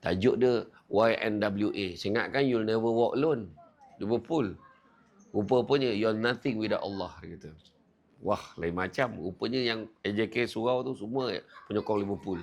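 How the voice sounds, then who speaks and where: A man with a Malaysian Malay accent giving a religious lecture as a preacher, telling stories with lively acted quotes and casual asides. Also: lowish voice, normal speed.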